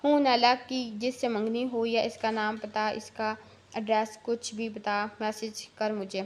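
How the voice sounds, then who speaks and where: A woman voicing a bold, sharp-tongued young woman who teases and scolds her friend, reading a story aloud. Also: fairly high pitch, level tone, a little slow, close to an everyday voice. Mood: scheming. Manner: scolding, mocking, blunt.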